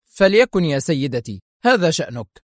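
A man's voice: mid-range voice, fast talker, dry recording, lightly acted. Casting: timid male programmer, read by the narrator, hesitant, dry studio sound. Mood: uneasy. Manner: hesitant, calm replies. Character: nervous bespectacled male programmer.

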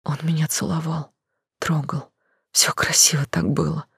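A reader voicing a heartbroken, fragile teenage girl who speaks softly and quietly, in a dry recording. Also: mid-range voice, little pitch movement, a little slow, gravelly, breathy edge, no room sound, full character voice. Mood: heartbroken, hushed.

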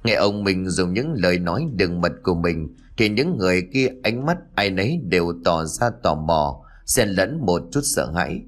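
A man's voice: low-pitched, normal speed, few pauses. A man narrating a ghost story in a scripted, dramatic storytelling manner. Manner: expressive storytelling, dramatic rise and fall.

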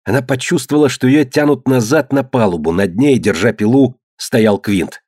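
A man reading an adventure novel aloud in a measured, dramatic manner. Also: mid-range voice, darkish tone, slightly rough, dry recording, studio quality. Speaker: narrator. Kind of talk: scripted audiobook narration.

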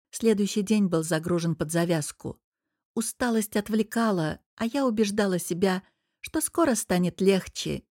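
A woman narrating a first-person audiobook in a measured, even reading. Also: medium pitch, no echo, studio quality.

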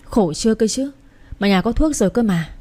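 A woman's voice: fairly high pitch, lively intonation, fairly quick, mellow. Storybook: caring older mother-in-law, fretful, read by a woman. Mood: concerned. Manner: fussing and concerned.

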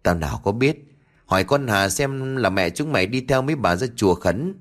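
A man's voice: lowish voice, expressive, moderate pace, close to an everyday voice. A man voicing a stern elderly village man in a storybook narration. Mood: gruff.

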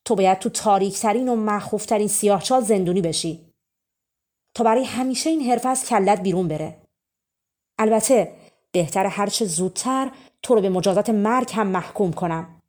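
A woman's voice: on the low side, lively intonation, a little mellow, lightly acted. A woman voicing a stern, commanding male king in a storybook reading. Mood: angry.

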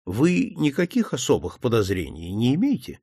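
Guy doing a grumbly proud old rich merchant, gravelly voice that swings up and down. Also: mid-range voice, moderate pace, dry recording, studio quality, voice pushed down, exaggerated voice. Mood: worried. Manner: grumbling, lively.

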